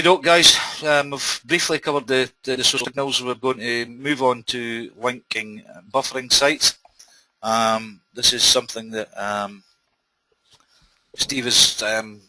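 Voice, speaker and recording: A man's voice: medium pitch, sharp tone, poor audio. A Scottish man hosting a live webinar, chatty and encouraging, reading out viewer comments with many ums. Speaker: webinar host.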